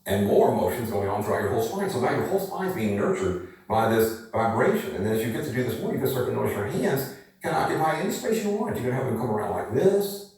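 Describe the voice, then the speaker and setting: A man demonstrating energy exercises to the camera, talking in a lively, coaxing way and asking rhetorical questions. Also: medium pitch, fast. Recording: very echoey room, voice from a distance.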